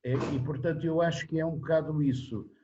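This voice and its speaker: A man in his seventies with a European Portuguese accent, answering in a relaxed interview, rambling with restarts and frequent tag questions. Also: on the high side, fast talker, highs cut off, noisy background. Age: 70s. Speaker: interviewee, singer-songwriter.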